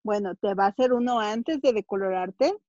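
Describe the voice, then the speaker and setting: Lively Mexican woman, dull dry recording. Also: medium pitch, moderate pace, no echo. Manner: lively, animated storytelling with acted-out quotes. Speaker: hair stylist guest. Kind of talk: casual interview chat.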